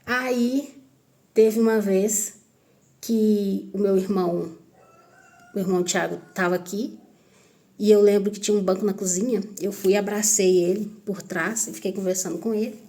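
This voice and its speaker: A woman with a Brazilian accent, candidly telling a personal story to her viewers in an emphatic, animated way. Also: mid-range voice, moderate pace. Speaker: channel host.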